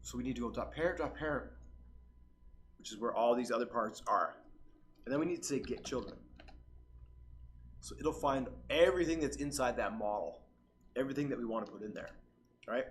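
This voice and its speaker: A man talks through a screen-recorded coding tutorial, his voice worn from a cold. He rambles loosely, with ums and restarts, at a middling pitch. Faint noise and keyboard clicking sit behind him. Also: lively intonation, fairly quick, long pauses, fairly bright tone. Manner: rambling, filler-heavy, restarts sentences. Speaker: channel host, tutorial maker.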